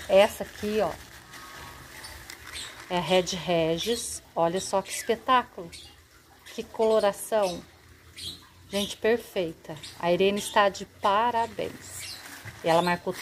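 A woman's voice: medium pitch, a little hiss or hum. A woman in a casual unboxing vlog, gushing over each plant she shows, filming one-handed on a phone at home. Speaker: gardening vlogger. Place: home, neighbors heard. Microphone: handheld phone, recording one-handed.

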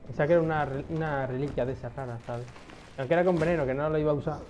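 A young man giving casual gameplay commentary, excitable, swearing often and talking to himself as he plays. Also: on the high side, very fast, slight background noise. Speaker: gaming streamer.

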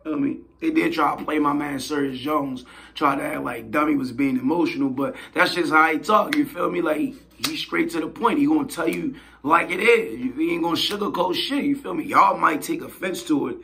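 Hoarse, gravelly-voiced man commentating. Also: a little high, a little fast, hardly any pauses, sharp tone, a little hiss or hum. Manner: blunt, slangy, repeats "you feel me". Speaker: host. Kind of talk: casual commentary.

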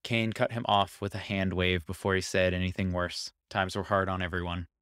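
Deep, smooth-voiced man narrating a story. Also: level tone, moderate pace, fairly bright tone, dry recording, clean studio sound. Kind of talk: scripted narration.

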